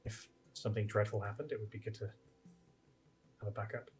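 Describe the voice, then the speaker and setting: A man voicing a cautious male adventurer who speaks quietly and carefully. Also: lowish voice, steady tone, brisk, faint music behind, close to an everyday voice. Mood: concerned.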